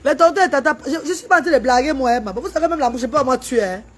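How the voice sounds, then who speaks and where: A woman's voice: high-pitched, very fast. A woman ranting on a livestream, emphatic and repetitive, switching between pleading and scolding. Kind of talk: livestream rant.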